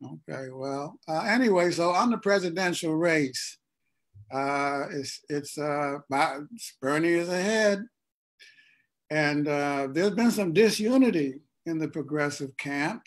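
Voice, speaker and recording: Man from Ohio, show host, casual political talk, somewhat high voice, deliberate with frequent pauses. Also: lively intonation. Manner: deliberate, pausing often mid-sentence.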